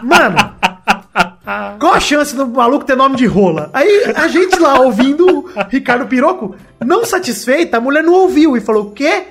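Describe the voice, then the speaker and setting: A young man telling a funny story in casual chat, animated and laughing as he goes. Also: very high voice, normal speed. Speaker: guest storyteller.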